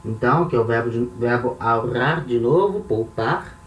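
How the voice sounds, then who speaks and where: A man's voice: medium pitch, moderate pace, highs cut off, slight background noise. Brazilian male teacher, roomy distant sound. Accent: Brazilian Portuguese. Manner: patient, checks in often with tag questions. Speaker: language teacher. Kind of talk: explaining grammar.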